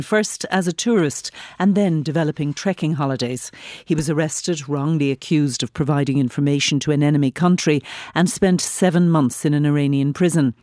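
A male Irish radio presenter with a somewhat high voice. He delivers scripted introductions and interview questions in a very dry studio sound. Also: a little mellow, dry recording.

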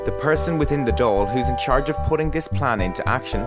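A young man hosts in a scripted presenting style. His pitch is average for a man. Loud instrumental music plays under his voice. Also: expressive, fast. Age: young adult. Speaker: programme host.

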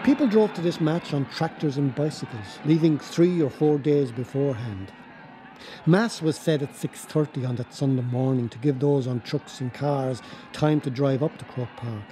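A man narrating a radio documentary in a measured, storytelling way. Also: mid-range voice, warm tone, some chatter behind, slight background noise, poor audio. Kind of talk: scripted narration.

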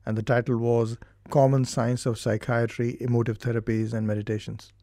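A man from India with an Indian accent, a doctor explaining his therapy in a studio interview in a measured way, pausing to find his words. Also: mid-range voice, little pitch movement, dark tone, dry recording.

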